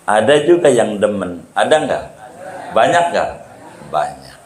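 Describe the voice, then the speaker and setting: A man's voice: fairly low pitch, sing-song, a little slow, reverberant. A man preaching a playful sermon, bantering with the audience and acting out mocking remarks. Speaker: Islamic preacher. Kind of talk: lively sermon to a congregation.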